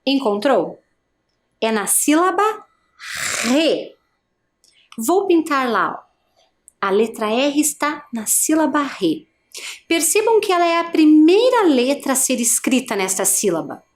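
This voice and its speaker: A woman teacher with a Brazilian Portuguese accent giving an adult education video lesson, explaining slowly and patiently and asking the learner encouraging questions. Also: high-pitched, very animated. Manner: slow, patient, syllable-by-syllable explanation.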